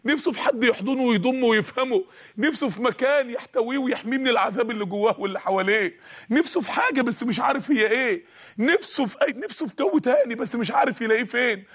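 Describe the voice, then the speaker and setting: Man, Egyptian accent, preacher, dramatic sermon storytelling, rhythmic repetition, high pitch, fast. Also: a bit bright. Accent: Egyptian Arabic.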